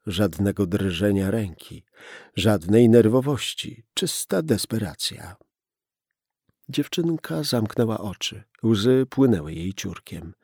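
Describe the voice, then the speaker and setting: Gravelly, slow male audiobook narrator. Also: lowish voice, expressive, darkish tone, dry recording, studio quality. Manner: measured, tense.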